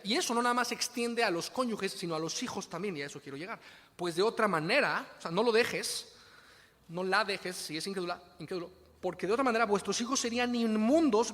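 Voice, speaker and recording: A man's voice: sits high, a bit bright, in a large hall. A man with a Mexican Spanish accent preaching a sermon in a conversational way, often asking rhetorical questions.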